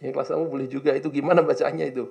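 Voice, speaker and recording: A man's voice: medium pitch, little pitch movement, racing, creaky, muffled recording. A man teaching a classroom lesson on an Arabic religious text, translating it line by line and coaxing his students to answer his questions. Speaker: Islamic teacher.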